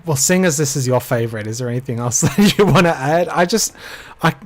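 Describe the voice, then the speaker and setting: A man's voice: a little high, expressive, quick pace. A man co-hosting a casual podcast chat, rambling and self-deprecating, with lots of fillers and trailing sentences. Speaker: podcast co-host.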